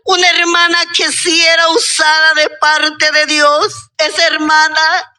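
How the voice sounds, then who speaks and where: A woman's voice: high-pitched, little pitch movement, measured pace, pushed and bright. A woman giving an emotional church testimony, crying as she speaks and calling out to her brethren. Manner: tearful, crying out, addressing brethren.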